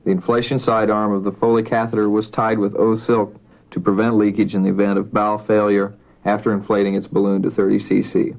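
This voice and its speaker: Low-voiced man in rapid medical dictation, dull recording. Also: level tone, gravelly, a little mellow. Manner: formal, matter-of-fact, reads out punctuation and spellings. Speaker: doctor dictating an operative report.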